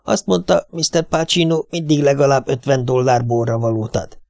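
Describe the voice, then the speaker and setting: A man's voice: mid-range voice, level tone, gravelly, a little mellow, dry recording, clean studio sound, natural voice. A man voicing a nervous middle-aged husband who coaxes and reassures his wife, in an audiobook. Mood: coaxing. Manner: coaxing, reassuring, plain.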